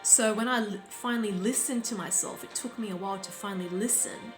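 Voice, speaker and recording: A woman life coach speaking reflectively to her audience, in a slow, deliberate and gently instructive way. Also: medium pitch. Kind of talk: reflective talk to camera. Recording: roomy sound with faint background music.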